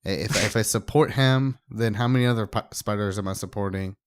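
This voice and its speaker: Sheepish low-voiced podcast co-host. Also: male voice, brisk, smooth, dry recording, studio quality. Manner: sheepish, self-deprecating. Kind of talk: casual chat.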